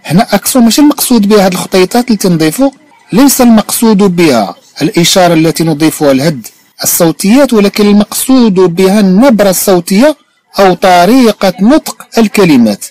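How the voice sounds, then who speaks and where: A Moroccan-accented man teaching a lesson, his voice rising and falling a great deal as he repeats phrases slowly and then explains them. The sound is dry and close, with no room around it. He checks often that his listener is following. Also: high voice, expressive, a little mellow, no echo. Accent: Moroccan Arabic. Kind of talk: bilingual language lesson, explaining line by line.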